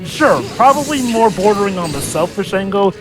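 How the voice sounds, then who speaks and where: A man's voice: high-pitched, moderate pace, music in the background. A man casually commenting on a game replay, sarcastic and mocking. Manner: sarcastic, animated, mocking quotes.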